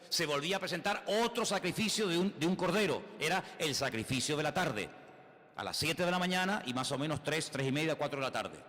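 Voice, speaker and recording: A man's voice: a little high, a bit bright, in a large hall. A man with a Spain Spanish accent preaching a sermon as a pastor, emphatic, full of rhetorical questions and repeated phrases.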